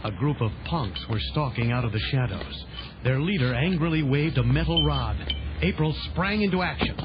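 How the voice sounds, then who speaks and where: This man narrates a children's adventure audio drama like a theatrical announcer, his mid-range, near-everyday voice animated and moderately paced. Loud dramatic music plays behind him on a dull, band-limited old recording.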